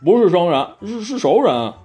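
A man's voice: high voice, big pitch swings, moderate pace, dark tone, lo-fi sound, soft background music, voice pushed up. A male storyteller voicing a greedy, bumbling pig-monk who grumbles and pleads. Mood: grumbling.

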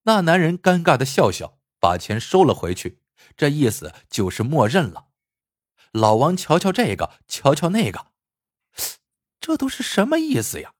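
Husky male storyteller, animated delivery. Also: a little high, no room sound, studio quality. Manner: expressive, animated. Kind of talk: storytelling narration.

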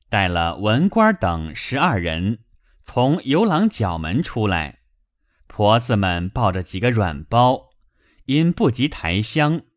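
A man reading a classic novel aloud, in a measured, expressive way. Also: fairly low pitch, no room sound, studio quality. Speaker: audiobook reader.

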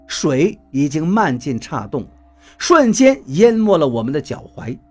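A man reading a first-person story aloud in an expressive way, moving between tense and wry. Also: on the high side, measured pace, husky. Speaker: audiobook narrator. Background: faint music.

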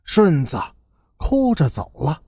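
A man narrating an audiobook in an expressive storytelling style. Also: on the high side, slow pace, slightly rough, no echo, clean studio sound.

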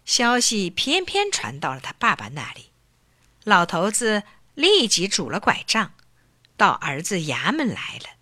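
A woman narrating a folk tale for children in an expressive storytelling voice. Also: medium pitch, measured pace, dry recording, studio quality.

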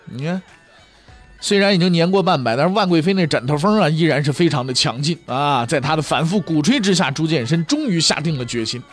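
A man's voice: a little high, expressive, fairly quick, faint music behind. Joking man telling history tales. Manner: humorous, chatty, asks the listener rhetorical questions. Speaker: storyteller. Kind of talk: comic pingshu storytelling.

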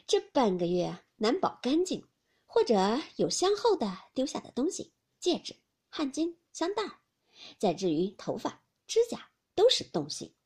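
A woman's voice: high voice, huge pitch swings, normal speed, voice pushed up. A woman voicing a shrewd, jealous noblewoman who mocks with cold insinuation. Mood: sly.

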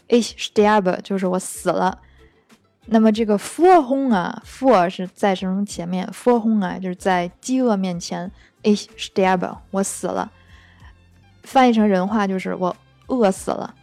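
Mellow-voiced woman teaching a language lesson. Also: mid-range voice, no room sound. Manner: chatty and explanatory, acting out example phrases. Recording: dry close recording with soft background music.

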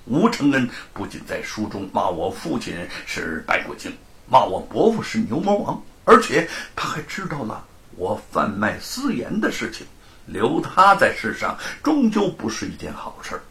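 A man's voice: medium pitch, wildly swooping pitch, normal speed, pushed and bright, exaggerated voice. A man voicing a spiteful, scheming rich villain who sneers and snickers. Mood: spiteful, sneering.

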